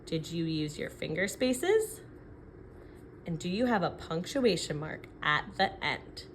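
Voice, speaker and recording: Lady teacher dictating slowly, sounding out each bit, lowish voice, some hiss or noise behind her. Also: expressive. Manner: sounds out letters and syllables deliberately; instructional, checking in with questions. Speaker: elementary phonics teacher. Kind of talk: dictating sentences slowly, word by word.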